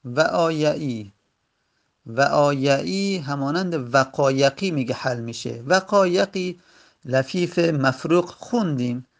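A man whose voice is gravelly and slightly high teaches a grammar lesson, methodically working through each rule step by step. He pauses between his short phrases.

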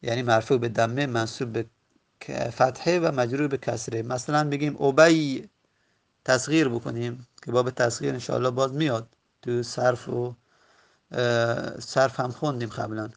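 A man's voice: mid-range voice, fairly even intonation, gravelly. A man teaching a grammar lesson. He explains step by step, recites word forms in chanted lists, and asks and answers his own questions.

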